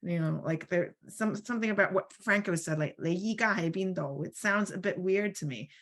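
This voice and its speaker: A roundtable speaker in an online panel, this woman sounds thoughtful and searching, with many restarts and fillers, heard over a video call. Her lowish voice is a bit bright and moves at a normal speed.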